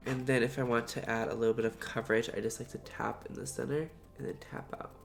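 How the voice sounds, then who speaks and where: A man's voice: medium pitch, level tone, quick pace, creaky. Male beauty vlogger, head cold, nasal, gushing and slangy, faint music underneath. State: stuffed-up, nasal. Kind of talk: makeup review vlog.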